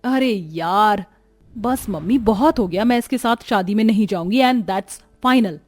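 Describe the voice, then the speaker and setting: A woman's voice: medium pitch, unhurried, soft background music, close to an everyday voice. A woman voicing a vain, spoiled young woman in a storybook, scornful and bossy, slipping English words into her talk. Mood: arrogant. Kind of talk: storybook voice acting.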